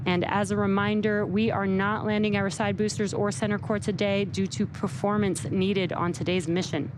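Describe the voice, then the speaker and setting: A woman's voice: medium pitch, level tone, normal speed, noisy background. A woman hosting a live launch webcast, explaining technical terms plainly as she commentates.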